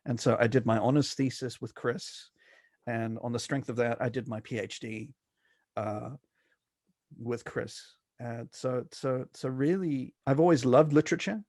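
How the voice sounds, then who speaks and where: Unhurried and darkish in tone, this mid-range male voice belongs to a middle-aged South African scholar being interviewed. His accent is mixed but mainly Australian, and his answers are hesitant, peppered with fillers and restarts. Studio-quality recording, no room sound.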